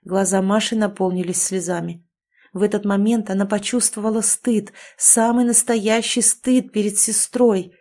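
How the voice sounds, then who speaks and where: A woman narrates an audiobook in a measured, expressive voice. Her pitch sits in the middle range. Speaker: audiobook reader.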